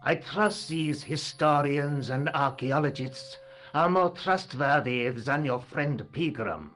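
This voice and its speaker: An actor playing a harsh, impatient conspirator in a video game, who talks in a curt, scornful way. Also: male voice, a little high, slow pace, a bit bright, faint music behind.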